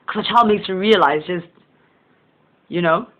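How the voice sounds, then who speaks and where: A host of a motivational channel, whose first language is Southern Sesotho, delivers a casual spiritual monologue at normal speed in a mid-range voice. The audio is tinny, like a phone. His manner is rambling, earnest, and gentle, with frequent chuckles.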